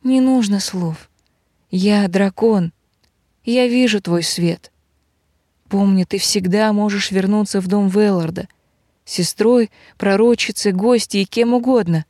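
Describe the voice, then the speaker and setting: A woman reading an audiobook, voicing a calm, devoted male dragon who speaks slowly and softly. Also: medium pitch, dry recording, studio quality. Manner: slow, soft, reassuring.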